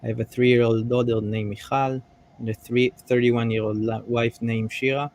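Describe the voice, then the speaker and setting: Thirties man, flat and measured, video-call panel guest. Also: mid-range voice. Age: 30s. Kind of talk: self-introduction.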